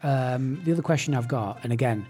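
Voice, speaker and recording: A man's voice: mid-range voice, brisk, warm tone, faint music behind. A man hosting a homemade radio show, talking things through in a thoughtful, hesitant way and repeating words as he searches for a position. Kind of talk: casual discussion.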